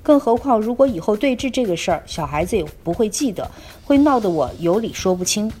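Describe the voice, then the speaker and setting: A woman co-hosting a podcast, reading a listener's letter aloud at a steady, conversational pace. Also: mid-range voice, brisk, a little hiss or hum. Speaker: podcast co-host.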